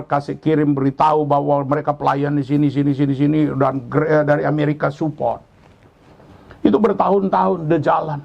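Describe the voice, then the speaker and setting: Gravelly-voiced pastor telling a story. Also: male voice, muffled recording. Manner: animated, rising to high pitch when building tension. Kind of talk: sermon storytelling. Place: church service.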